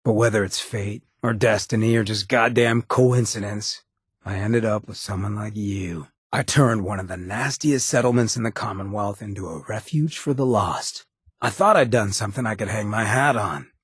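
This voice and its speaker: A roguish ghoul companion from a video game speaks in a heavily rasping, gravelly, fairly low voice, drawling street slang with laid-back swagger and sardonic loyalty. Here his mood is sincere and warm, at normal speed. The sound is dry, with no room sound.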